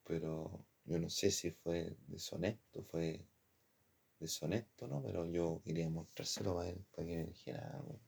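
A husky, low-voiced man with vocal fry and a darkish tone talks at a moderate pace about his time as a design student. Rambling and slangy, in a Chilean accent, he often calls the listener "compadre."

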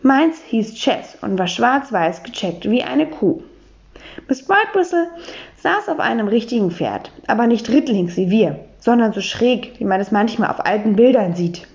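Lively woman reading a storybook. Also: fairly high pitch, a little slow. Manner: lively first-person telling as a boy. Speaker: audiobook reader. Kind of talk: children's storybook narration. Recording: dull lo-fi recording.

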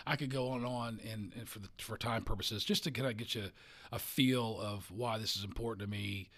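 A man's voice: lowish voice, steady tone, brisk, fairly bright tone. Earnest, stumbling male pastor. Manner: earnest, often repeats and restarts words. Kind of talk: casual podcast conversation.

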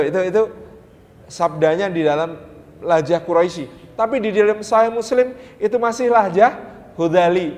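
High-voiced lively preacher. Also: male voice, big-room sound. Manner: lively, playful, mimics dialects, casual Javanese asides. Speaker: Islamic preacher. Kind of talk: sermon.

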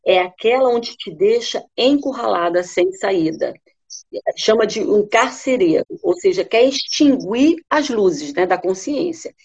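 A woman retelling a fairy tale and then discussing it as co-host, in an animated storytelling manner. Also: mid-range voice, unhurried, breathy edge, dull audio.

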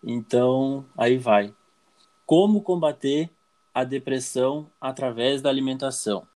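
A young man with a Brazilian accent speaks casually and pauses often. He hesitates and restarts, searching for his words as he answers questions. His voice sits at an ordinary middle pitch. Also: a little mellow. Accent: Brazilian Portuguese. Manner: hesitant, many fillers and restarts. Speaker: guest.

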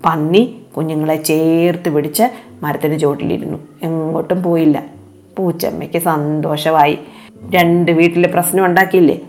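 A woman narrating a children's animal fable in a gentle, unhurried storytelling manner. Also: sits low, little pitch movement.

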